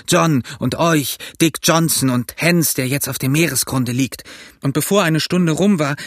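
A man's voice: medium pitch, no echo, clean studio sound, close to an everyday voice. A man doing a defiant, agitated ship's boy. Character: defiant, excited young male ship's boy.

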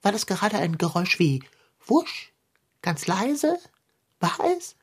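A woman's voice: medium pitch, big pitch swings, slow pace, husky, heavily acted. A woman voicing a fat, anxious, fussy pet tomcat in a radio play, theatrical and easily frightened. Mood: nervous.

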